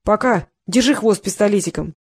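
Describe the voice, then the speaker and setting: A woman reader doing a tired, wry middle-aged investigator stuck in a hospital bed. He talks dry and gruff, with a bit of a grin in it. The audiobook voice is close to the mic, with a dead, dry sound. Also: high-pitched, moderate pace, darkish tone, no echo.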